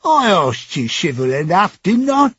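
A man's voice: high voice, very animated, measured pace, fairly bright tone, husky, dry recording, voice pushed up, full character voice. A man voicing a pugnacious, grumbling old working-class drinker, in an audiobook. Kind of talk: audiobook character voice. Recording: dry, dull lo-fi.

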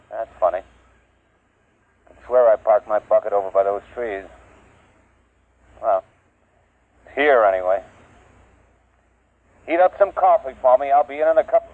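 A man's voice: medium pitch, dry recording. An actor playing a male field captain, heard through a throat-mic transmission in an old radio drama. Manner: casual, then panicked. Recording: tinny old radio broadcast.

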